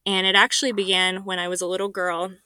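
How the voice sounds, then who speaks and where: A woman's voice: mid-range voice, little pitch movement, quick pace, dry recording. Earnest young woman sharing her story. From Guatemala and Mexico. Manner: earnest, soft-spoken, with frequent ums and light laughs. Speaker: guest. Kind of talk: personal testimony in a podcast interview.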